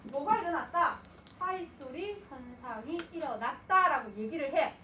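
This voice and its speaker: A woman's voice: high voice, expressive, unhurried, pushed and bright, a little hiss or hum. A woman teaching a grammar lesson, asking questions and answering them herself, sometimes putting on a student's voice. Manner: asks and answers her own questions, voicing students. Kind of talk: lecture. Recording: echoey room, mic at a distance.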